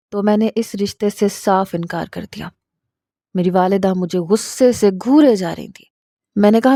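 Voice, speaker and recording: Brief: woman storyteller, calm and measured, warm dark tone, dry close sound. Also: mid-range voice, no room sound. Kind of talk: first-person story narration.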